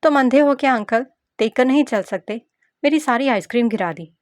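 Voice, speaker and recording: A woman's voice: animated, a little fast, no room sound, clean studio sound. Woman putting on a bratty ten-year-old girl. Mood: bratty whining. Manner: shrill, whiny, demanding.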